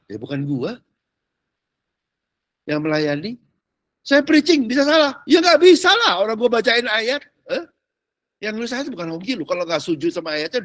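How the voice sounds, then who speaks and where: A man's voice: sits high, no echo. A man preaching a sermon as a pastor, talking in a casual, jokey way and dropping in English words. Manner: animated, jokey Jakarta slang mixed with English.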